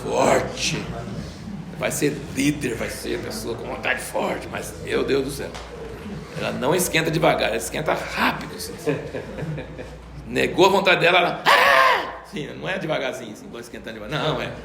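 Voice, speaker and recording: An older man teaches a Bible lesson. He tells stories in an animated way and acts out the voices of the people he quotes. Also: mid-range voice, normal speed, creaky, crowd noise. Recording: roomy echo.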